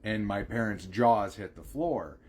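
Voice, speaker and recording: A man chatting casually on a live stream, rambling with many pauses and fillers. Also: on the low side, animated, husky.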